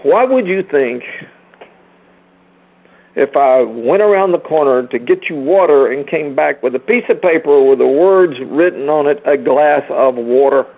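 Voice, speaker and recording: A man's voice: on the high side, animated, a little slow, gravelly, narrow, tinny audio. A man giving a sermon-like spiritual lecture, emphatic and rhetorical, repeating phrases and addressing his listeners directly. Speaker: speaker teaching a group.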